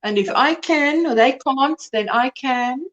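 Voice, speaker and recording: A woman's voice: sits high, measured pace, lo-fi sound. A woman in her early fifties hosting a live crochet chat. She talks casually, reads and answers viewers' comments, and laughs often. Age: 50s.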